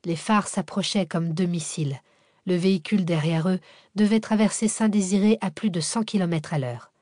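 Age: adult. Sex: woman. Style: low-voiced audiobook narration. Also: moderate pace, warm tone, no room sound, studio quality. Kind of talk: scripted narration.

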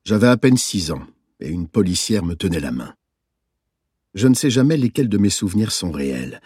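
Male narrator, first-person novel, husky and expressive, measured reflective read. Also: low voice, dry recording, clean studio sound. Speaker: audiobook narrator.

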